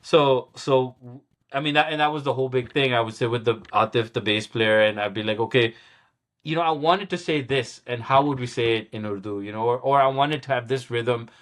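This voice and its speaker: Telling stories as a guest in an easygoing interview, this middle-aged musician has a plain mid-range voice. He stumbles and starts over, repeating words as he works out what to say, frequently letting out a small self-deprecating laugh.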